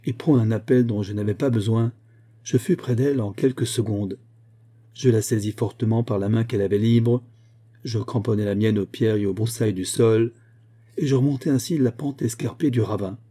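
A man reading a nineteenth-century story aloud in a measured narrating voice. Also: lowish voice, mellow. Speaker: audiobook reader. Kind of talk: scripted narration.

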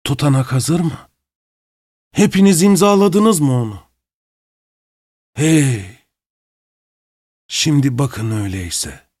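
A man voicing a drunk, brash masked man who bullies and mocks everyone, in a hoarse, booming voice. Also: animated, slow pace, long pauses, no echo, studio quality. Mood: mocking. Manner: loud, taunting, jeering.

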